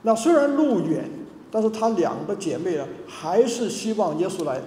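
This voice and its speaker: A man's voice: sits high, very animated, moderate pace, warm tone. A man from Hong Kong preaching a sermon as pastor, emphatic, with many fillers and restarts. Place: church hall. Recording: echoey church hall reverb.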